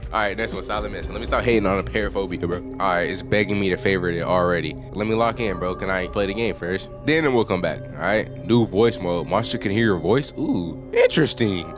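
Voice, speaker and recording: A man giving casual, slangy gameplay commentary, reacting out loud in an animated way. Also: deep voice, a little fast, few pauses, music in the background. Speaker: gaming video creator.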